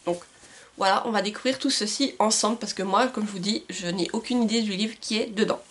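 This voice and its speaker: A woman's voice: mid-range voice, a little fast, a little hiss or hum. A woman talking casually to camera about her books at home, with lots of fillers and restarts. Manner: chatty, many fillers and restarts. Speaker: book vlogger. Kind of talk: casual book haul chat. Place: home room with bookshelves and Christmas lights. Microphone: camcorder mic.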